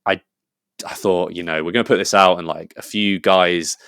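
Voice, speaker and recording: A man's voice: deep voice, steady tone, normal speed, a bit bright, smooth, no echo, studio quality. An English man talking as a podcast guest in a casual, rambling and enthusiastic way, full of fillers and restarts. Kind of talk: casual conversational interview.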